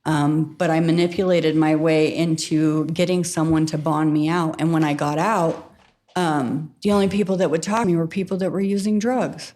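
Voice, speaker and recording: A middle-aged woman candidly telling her recovery story as a podcast guest, frank and quick to laugh, with trailing fillers. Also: sits low, steady tone, a little mellow.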